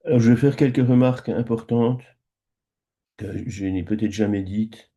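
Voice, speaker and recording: A man with a low voice and a very dark, mellow tone leads a guided meditation as a lama. He speaks in slow, solemn, measured phrases separated by long pauses. He also chants mantras over and over in a steady repetition. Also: muffled recording.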